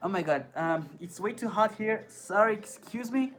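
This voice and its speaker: At a normal speed, a man with a high, fairly bright voice and a French accent reads questions from his live stream chat. This native French speaker from France streams about inline skating, using hesitant fillers and laughing often, recorded on a phone with faint music in the background.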